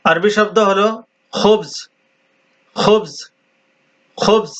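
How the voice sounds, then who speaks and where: Slow, high-voiced man drilling vocabulary. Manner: repeats each word several times, deliberate. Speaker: language teacher. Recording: dull lo-fi sound.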